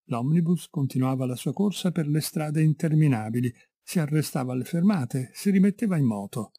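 A man with an Italian accent reading a classic short story in a measured, expressive way. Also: a little high, breathy edge, dry recording, studio quality. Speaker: narrator. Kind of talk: literary audiobook reading.

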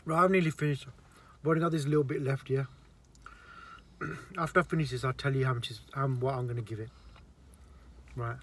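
A man's voice: mid-range voice, steady tone, brisk, long pauses, a bit bright, husky. A young man reviewing food in blunt, laid-back slangy chat while eating. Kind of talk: casual chat.

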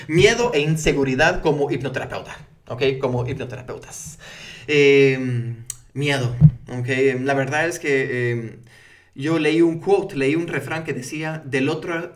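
An energetic man teaches hypnotherapy, tossing in frequent "ok?" check-ins as he talks. His voice sits on the higher side. He sounds slightly away from the microphone. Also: distant mic. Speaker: hypnotherapy instructor. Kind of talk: instructional talk to camera.

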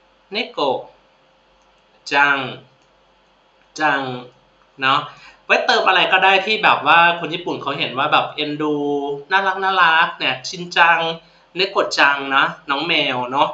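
A man with a Thai accent teaching a Japanese lesson to students, friendly and repeating each word slowly for them to copy. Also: fairly high pitch, sharp tone. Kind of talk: casual classroom-style video lesson. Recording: echoey room, dull lo-fi sound.

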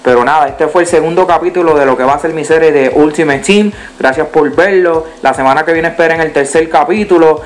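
A man's voice: fairly high pitch, brisk, few pauses, low-quality recording. A man commentating his own football video game match, groaning, cursing and cheering at the play and slipping into English. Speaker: gaming YouTuber. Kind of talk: gameplay commentary.

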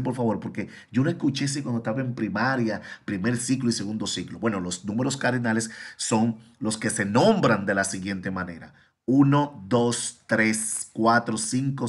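A man's voice: medium pitch, a bit bright, husky. A man teaching an English class over a video call, repeating each phrase and translating it. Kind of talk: online bilingual class.

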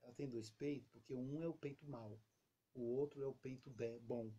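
A man's voice: mid-range voice, fairly even intonation, moderate pace, mellow, husky, lo-fi sound, voice pushed down, natural voice. A puzzled newborn baby, as a man voices him. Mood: wondering. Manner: naive wondering inner voice.

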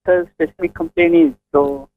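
This prank call victim, a man phoning from an office, has a high voice that swoops wildly in pitch, with vocal fry and a moderate pace. He explains himself hesitantly and politely, protesting and going over the same points again, all through a tinny, narrow telephone line.

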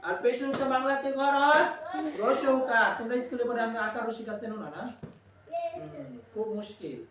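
A high-voiced woman leads a classroom lesson, asking question after question and stretching letter names into a sing-song. Her voice is heard from a distance and rings through a very echoey room. A clear layer of noise sits under the recording. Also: steady tone, fast talker. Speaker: Quran teacher. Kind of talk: classroom lesson with call and response. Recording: echoey room, from far off, noisy.

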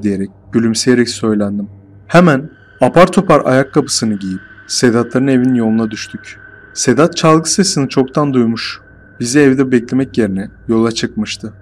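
Speaking in a mid-range voice, a man recounts a horror tale he claims happened to him, his delivery even and measured.

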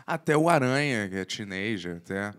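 Um apresentador brasileiro de podcast dá opiniões diretas, com gírias, numa voz clara e incisiva. A entonação é muito expressiva, e o tom é de conversa solta. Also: male voice, fairly low pitch, lively intonation, moderate pace, fairly bright tone, clean tone. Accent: Brazilian Portuguese. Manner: blunt opinions with slang, laughs easily. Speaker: podcast host. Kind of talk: casual chat.

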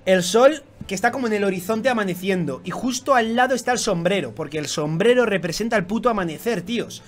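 High-voiced excitable man swearing. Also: brisk, soft background music. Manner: excitable, swears constantly, bursts into shouts. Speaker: YouTube manga reactor. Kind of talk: excited reaction commentary.

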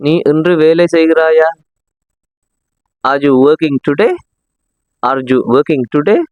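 Slow, clear-voiced Tamil-accented man teaching. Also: fairly high pitch, dry recording. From South India. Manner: says each sentence slowly twice for learners to repeat. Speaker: English teacher. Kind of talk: slow, deliberate English lesson with repetition. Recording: dull lo-fi sound.

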